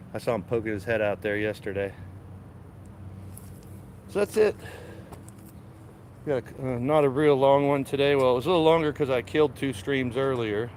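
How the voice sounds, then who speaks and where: A male live stream host, stuffed up and casual, talks in a medium-pitched, slightly mellow voice. He rambles in a laid-back way to his chat while walking through a garden outdoors, holding his phone camera, with faint street noise behind him.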